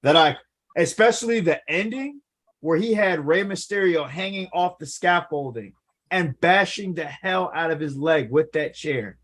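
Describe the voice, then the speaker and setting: A man in casual podcast conversation, his voice sitting a little high. He talks in a lively, rambling way and leans on "like" between thoughts. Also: unhurried. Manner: animated, lots of "like" fillers. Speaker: podcast co-host. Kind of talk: casual wrestling chat.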